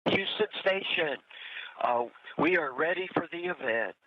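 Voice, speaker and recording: A man on the space station crew answering a formal call over a radio link, in measured radio protocol. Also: a little high, animated, lo-fi sound. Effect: radio link transmission.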